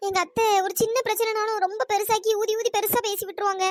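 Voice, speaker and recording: A woman's voice: very high voice, little pitch movement, fast, no room sound. A woman voicing a timid young woman in a cartoon story who pleads and apologizes fearfully.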